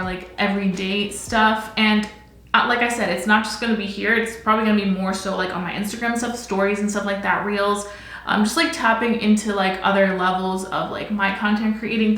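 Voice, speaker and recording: A woman's voice: mid-range voice, a bit bright. A woman in her twenties chatting casually while doing her makeup, filling her talk with "like" all the time. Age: 20s. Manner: chatty, fills with "like" constantly. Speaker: beauty vlogger. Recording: very echoey room.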